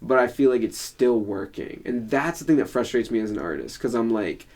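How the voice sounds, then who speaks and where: A man's voice: mid-range voice, lively intonation, brisk, a little mellow. A young man co-hosting a podcast in casual chat, rambling with lots of filler words. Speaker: podcast co-host.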